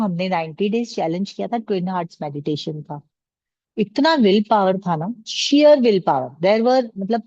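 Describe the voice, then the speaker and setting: A middle-aged woman leads a life-coaching session, slipping between Hindi and English and acting out little family exchanges as she teaches. Her voice is mellow and low in brightness. The recording is dry and somewhat dull. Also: no echo. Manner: mixes Hindi and English, quotes family dialogue in different voices. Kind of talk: casual group coaching talk.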